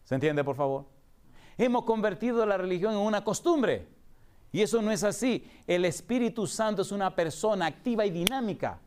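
A male pastor preaching a lively sermon in a clear, smooth voice that sits a little high for a man. He keeps asking the congregation rhetorical questions and acts out the people in his stories. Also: normal speed. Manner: acts out quoted people in anecdotes.

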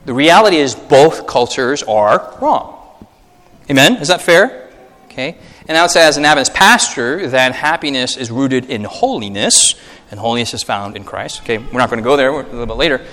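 A man's voice: mid-range voice, moderate pace, big-room sound. A man preaching as a pastor in a conversational way, checking in with the listeners often and acting out voices in his stories. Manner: conversational preaching with frequent audience check-ins; animated, acts out voices in anecdotes. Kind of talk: sermon.

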